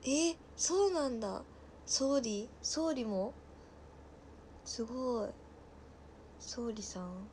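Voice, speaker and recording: A woman's voice: on the high side, lively intonation, extremely slow, pauses often, a little hiss or hum. Young woman with Nagasaki dialect. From Nagasaki, Japan. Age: 20s. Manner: chatty, reads comments aloud, drifts into soft mutters. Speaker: livestream host. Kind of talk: casual livestream chat.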